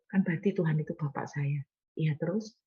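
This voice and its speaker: A woman's voice: low voice, brisk, slightly rough, dull audio. A woman preacher quoting a smug male pastor who shrugs off blame. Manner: offhand, self-assured. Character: smug male pastor excusing his mistress.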